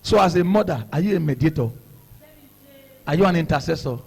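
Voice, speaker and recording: A middle-aged man with a Nigerian accent, preaching a sermon as a story, animated, laughing and shouting for emphasis. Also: fairly high pitch, brisk, husky. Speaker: pastor.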